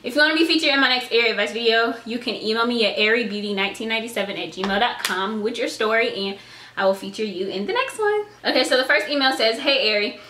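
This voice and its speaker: A young woman in her twenties talks casually to her viewers, pregnant and a little out of breath. Her voice is bright and sits a bit high. The room around her rings with echo. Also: expressive, fast, a little hiss or hum. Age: 20s. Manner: chatty, drawling, says "y'all" and "girl". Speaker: YouTuber giving advice. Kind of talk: casual vlog chat.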